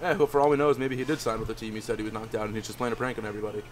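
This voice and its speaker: A man's voice: lowish voice, fairly even intonation, very fast, crowd noise. A young man hosting a casual sports podcast, upbeat and steering the segments, often repeating words. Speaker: podcast host.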